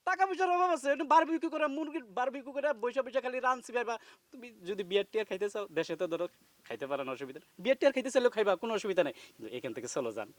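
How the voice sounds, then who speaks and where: A man's voice: very high-pitched, animated, dry recording. A man playing a blustering, bossy husband. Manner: blustering, quickly shifting from sweet-talk to bullying. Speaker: husband on an outing with his wife. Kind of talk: comedic TV drama acting.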